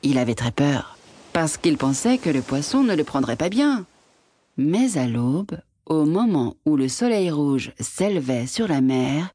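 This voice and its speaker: Brief: woman storyteller, low voice, lively melodic reading, dry studio sound. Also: no room sound. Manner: gentle, expressive reading. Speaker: audiobook narrator. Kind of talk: storybook narration.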